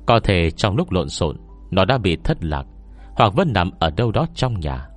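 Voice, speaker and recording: Casting: solemn, reserved scholar, acted by a male narrator, very low voice with lively intonation, audiobook. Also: moderate pace, soft background music. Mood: measured. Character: reserved scholar solemnly recounting his mother's memories. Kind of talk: audiobook character dialogue.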